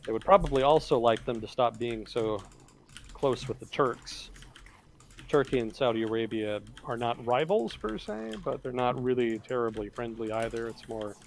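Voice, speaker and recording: A man co-hosting a casual livestream, explaining world affairs in a measured way with fillers and self-corrections. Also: medium pitch, a little hiss or hum. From United States.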